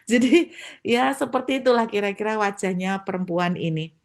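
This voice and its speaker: A woman pastor from Surabaya, telling a story in her sermon with lively acted-out voices. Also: medium pitch, moderate pace. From Surabaya, Indonesia. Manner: animated, acts out voices.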